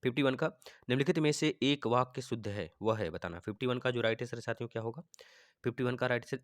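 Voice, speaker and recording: A man teaching a Hindi grammar exam-prep lesson with a north Indian accent, reading sentences aloud and slowly repeating them as he thinks them through. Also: medium pitch, no room sound, clean studio sound. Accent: Hindi-speaking north Indian.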